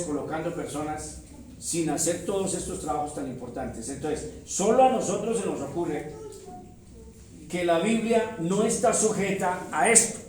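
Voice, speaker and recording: A man, a pastor teaching a Bible seminar to his congregation in a chatty, teasing way. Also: on the high side. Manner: chatty, teasing, addresses listeners as "mis amores". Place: church hall with audience. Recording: echoey hall, mic from far off, crowd.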